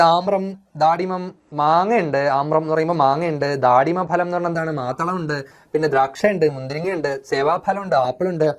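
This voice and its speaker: A lively teacher explains vocabulary in an online lesson. They keep asking questions aloud and then answer them right away, stretching out the key words. The delivery is chatty and explanatory. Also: mid-range voice. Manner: animated, asks and answers own questions. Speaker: Sanskrit teacher.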